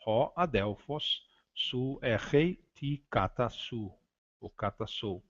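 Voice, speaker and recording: A man teaching a grammar lesson, reading slowly and deliberately from slides with frequent hesitations. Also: mid-range voice, expressive. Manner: slow, deliberate, spelling out words with frequent hesitations. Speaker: Greek teacher. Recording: dull lo-fi recording.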